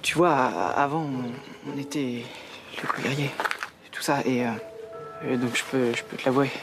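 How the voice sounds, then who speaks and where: A young actor playing an awkward, sullen, lovesick schoolboy in a TV series, hesitant and dry. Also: male voice, medium pitch, fairly even intonation, normal speed, creaky, music in the background, natural voice. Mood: nervous, hesitant. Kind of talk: live-action TV series acting.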